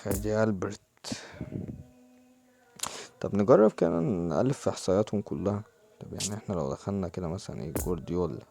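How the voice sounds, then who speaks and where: Excitable Egyptian young man gaming. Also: sits low, quick pace, vocal fry, pauses often. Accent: Egyptian Arabic. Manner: excitable, muttering prayers and groaning over pack openings. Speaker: mobile football gamer. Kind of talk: casual gaming commentary.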